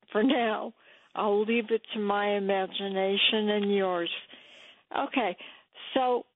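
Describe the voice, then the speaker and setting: A woman's voice: fairly high pitch, no room sound. A woman calling in to a radio show over a phone line, chatty and earnest, speaking in short emphatic phrases. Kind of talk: call-in chat on a radio show.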